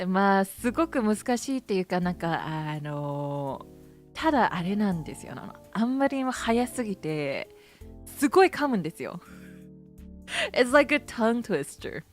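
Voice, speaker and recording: A woman streamer whose first language isn't Japanese chats casually and giggles, switching between English and Japanese. She has a low voice and prefers a low register. Faint music plays behind her.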